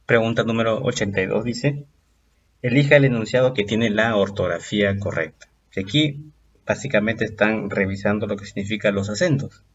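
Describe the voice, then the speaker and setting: A man teaching a recorded exam-prep lesson, patiently explaining step by step and drawing out example words slowly. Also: on the low side, breathy edge, highs cut off.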